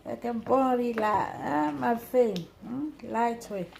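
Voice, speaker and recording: Slow-talking tired woman vlogger, gravelly. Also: fairly high pitch, a little mellow, slight background noise. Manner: playful, talks to viewers and herself while cooking. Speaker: cooking vlogger. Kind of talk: casual vlog chat, switching between languages.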